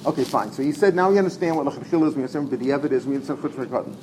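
A man giving an informal Talmud class, talking fast and animatedly, repeating himself and mixing in Hebrew terms. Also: medium pitch, expressive, a little mellow, slight background noise, poor audio. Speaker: Talmud teacher.

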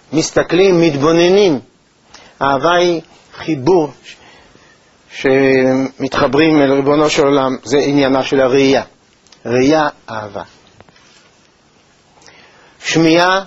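A man teaching a Torah lesson in a measured, thoughtful way, with pauses and hesitations. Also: mid-range voice. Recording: dull, lo-fi recording.

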